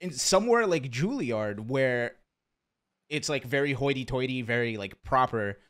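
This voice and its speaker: A man from Brazil, raised in rural Pennsylvania, speaking as a podcast guest in a relaxed, rambling way full of "like.". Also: medium pitch, measured pace. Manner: relaxed, rambling, heavy use of "like". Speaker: podcast guest, former musician. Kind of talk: casual podcast chat.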